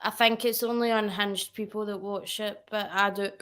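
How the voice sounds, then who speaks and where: A woman's voice: medium pitch, fairly even intonation, normal speed, a bit bright, clean tone. A woman chatting casually as a guest on a livestream, rambling and correcting herself as she goes.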